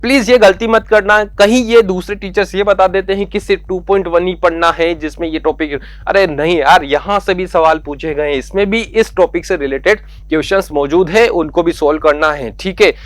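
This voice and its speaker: Here a high-pitched male teacher speaks at a moderate pace with few pauses and no room sound. Covering the exam syllabus for his maths students, he coaxes them, goes over key points again, and addresses them as beta and yaar.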